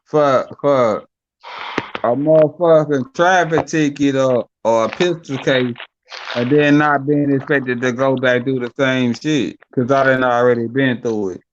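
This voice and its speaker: A man's voice: mid-range voice, steady tone, unhurried, muffled recording, a little hiss or hum. A young man in a casual podcast debate, talking loosely and repeating words while he works out his point. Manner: loose, rambling, repeats words when thinking. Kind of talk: casual debate over mics.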